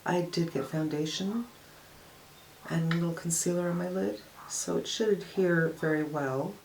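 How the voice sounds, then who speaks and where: An older woman with a low-pitched voice talks through a makeup tutorial in a relaxed, conversational way. She judges each product plainly and matter-of-factly. A faint hiss sits under the recording. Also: moderate pace, rough recording. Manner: frank, matter-of-fact product critique. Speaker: beauty vlogger. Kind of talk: casual makeup tutorial narration.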